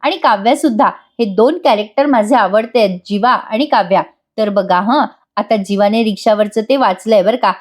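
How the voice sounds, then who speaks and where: A woman reviewing a TV serial gives a chatty voice-over recap of an episode, speaking straight to her viewers. Her pitch is medium and her pace moderate, with hardly any pauses.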